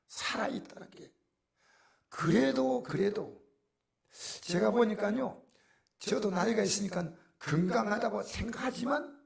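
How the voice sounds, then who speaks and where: A middle-aged male pastor, preaching a sermon that swings from hushed near-whispers to loud exclamations. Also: high-pitched, creaky.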